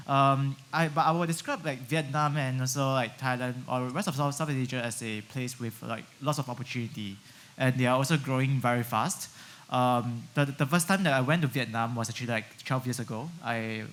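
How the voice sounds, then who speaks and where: A man from Singapore speaking on a conference panel in a relaxed, conversational way. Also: medium pitch. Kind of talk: panel discussion answers.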